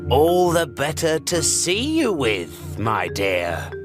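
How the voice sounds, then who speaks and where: A woman voicing a sly, hungry male wolf with a crackly, croaking voice for a storybook reading. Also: sits low, huge pitch swings, slow pace, music in the background, pitched below the performer's own voice, full character voice.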